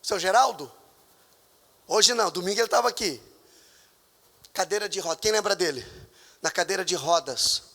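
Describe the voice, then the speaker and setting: A man with a Brazilian Portuguese accent preaching a sermon as pastor in a church, with emphatic, sudden loud high outbursts. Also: normal speed, pauses often, in a large hall. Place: church hall.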